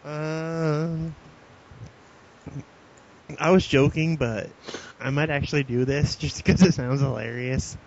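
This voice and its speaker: A man's voice: on the high side, fairly even intonation, slow, creaky, pauses often, darkish tone. Young male co-host, chatty and filler-heavy, on muffled lo-fi audio. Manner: rambling, laughs often, many "like" fillers. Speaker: podcast co-host. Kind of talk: casual chat. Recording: dull lo-fi podcast audio with faint hiss.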